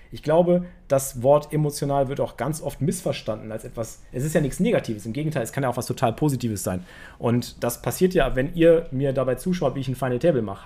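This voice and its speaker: A man's voice: medium pitch, warm tone. A man giving a casual online poker lesson, talking straight to his viewers with lots of fillers. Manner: chatty, many fillers, addresses viewers directly. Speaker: poker coach.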